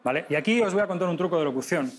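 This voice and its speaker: A man teaching a live podcasting workshop to an audience, lively and demonstrative, often checking in with quick questions. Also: a little high. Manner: lively, demonstrative, addresses audience directly with frequent tag questions.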